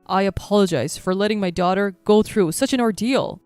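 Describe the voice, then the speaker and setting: A woman's voice: mid-range voice, fairly quick, a little mellow, clear, resonant tone, no room sound, faint music behind, lightly acted. A woman voicing a remorseful father-in-law in a storybook reading, who speaks in a grave, firm manner.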